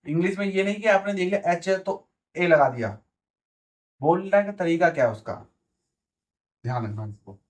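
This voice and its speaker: A man with a Hindi accent teaching English grammar, repeating words and checking that his students follow. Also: fairly high pitch. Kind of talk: explaining grammar at a board.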